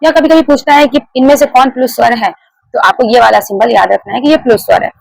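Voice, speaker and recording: A woman's voice: on the high side, fast talker, vocal fry, dry recording, poor audio. A woman teaching a grammar lesson, explaining step by step, repeating key points and putting questions to her students. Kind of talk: classroom lecture.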